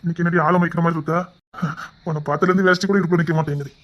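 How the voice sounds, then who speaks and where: A woman's voice: fairly low pitch, fairly even intonation, rapid-fire, lo-fi sound, natural voice. A woman, voicing an ardent young man who coaxes his angry sweetheart affectionately in an amateur romantic audio drama, at times in a whisper. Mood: coaxing. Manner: coaxing, affectionate, sometimes dropping to a whisper.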